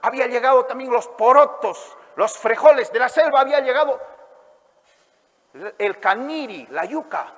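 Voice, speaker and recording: A man with a very high voice tells a folk tale to a live audience, stretching out calls and sound effects and getting the crowd to repeat after him. He comes from Ayacucho, Peru, and his voice carries a long reverb, as if in a large hall. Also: animated, moderate pace. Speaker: storyteller. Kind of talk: oral storytelling to a live audience.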